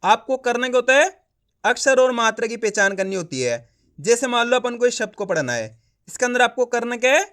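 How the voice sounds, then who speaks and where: A man's voice: very high-pitched, animated, fairly quick, a bit bright, clean tone. A man teaching a reading lesson, patiently sounding out syllables one by one and often checking that the listener understands. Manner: coaxing, often asking the viewer if they understand. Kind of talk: spoken lesson.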